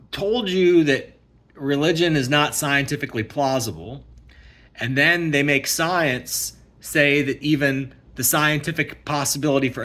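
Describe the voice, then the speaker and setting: Casting: husky-voiced man, mid pitch, rambling emphatic rant, frequent "okay?". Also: sharp tone. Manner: emphatic, repetitive, keeps asking "okay?". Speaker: vlogger. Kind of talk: casual ranting monologue.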